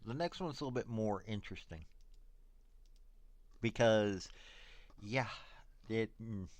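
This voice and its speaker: A man's voice: on the low side, measured pace, no echo. A man giving blunt, opinionated commentary, reading parts of official reports aloud and adding casual, sarcastic asides. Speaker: commentator on prison investigations.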